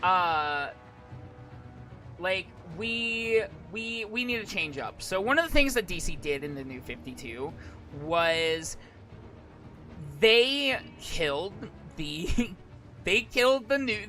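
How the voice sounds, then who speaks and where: High, bright-voiced male streamer, rambling along. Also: sing-song, slow pace, faint music behind. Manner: hesitant, rambling, repeats and restarts phrases. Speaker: streamer, virtual YouTuber. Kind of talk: casual live-stream commentary.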